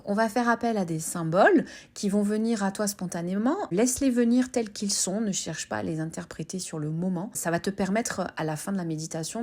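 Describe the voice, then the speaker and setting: A woman with a breathy, husky voice gently and informally introducing a guided meditation, reassuring and a little hesitant. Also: mid-range voice.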